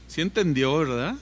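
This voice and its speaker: A pastor preaching a sermon, telling a story with lively asides to the congregation. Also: male voice, fairly high pitch. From Mexico. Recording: reverberant hall.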